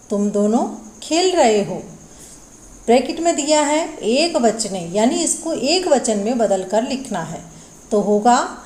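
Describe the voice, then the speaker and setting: A woman with a fairly high voice takes a language lesson at a very unhurried pace. She reads each line slowly, then explains it in plain terms. The room around her rings with echo. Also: warm tone. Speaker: Sanskrit teacher.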